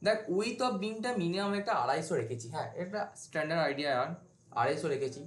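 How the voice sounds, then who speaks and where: A male teacher gives a whiteboard lecture to students. His voice sits a little high, and he keeps asking questions and answering them himself. The room adds a noticeable echo. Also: lively intonation, quick pace. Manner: informal, asks and answers his own questions. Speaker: civil engineering teacher.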